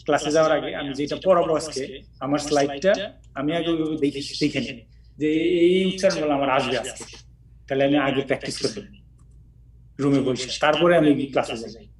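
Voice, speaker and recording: A man from Bangladesh teaches English word stress in a relaxed chat, demonstrating each word out loud. His voice sits slightly high and sounds distant from the microphone. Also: normal speed.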